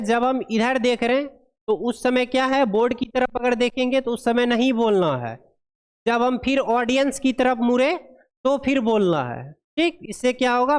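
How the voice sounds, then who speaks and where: A woman lecturing a class, reading English points slowly and explaining them with frequent checks on the students. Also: fairly high pitch, smooth. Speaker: pharmacy lecturer. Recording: long hall reverb.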